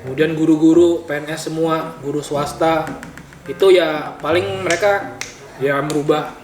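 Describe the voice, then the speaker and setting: A man's voice: fairly high pitch, fairly even intonation, moderate pace, a little mellow. A man, chatting casually as a podcast host while eating, his mouth sometimes full. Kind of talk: casual chat over food. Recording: echoey room with music behind.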